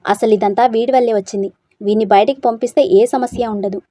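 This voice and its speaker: A woman's voice: on the high side, fast talker, dry recording, close to an everyday voice. Woman voicing a hot-tempered young husband. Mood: defensive. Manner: sharp, defensive.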